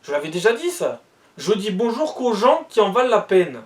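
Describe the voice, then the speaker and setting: A man's voice: high-pitched, very animated, normal speed, recorded from a distance. A man ranting bluntly and heatedly in a monologue, repeating himself as he reacts to the news.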